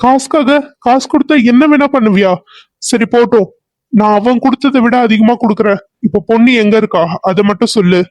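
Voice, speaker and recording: A man's voice: very high-pitched, brisk, a little mellow, dry recording. A man voicing a determined young man in a cartoon serial who questions others and consoles a friend. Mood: pressing. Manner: pressing, then consoling. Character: firm young man leading a search.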